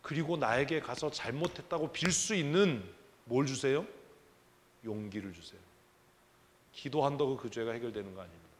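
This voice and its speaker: A man's voice: medium pitch, a little fast. A male pastor preaching at a prayer meeting, speaking in a plain mid-range voice. His delivery is chatty yet emphatic, built around rhetorical questions put to the congregation. The sound carries a long church reverb and a faint hiss underneath. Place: church sanctuary.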